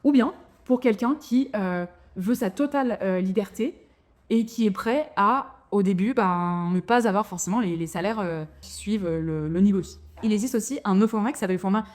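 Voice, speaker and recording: A dentist in her thirties, French as her first language, speaks a little fast in a medium-pitched, darkish voice. Talking casually to camera about her move abroad, she relies on lots of fillers and restarts.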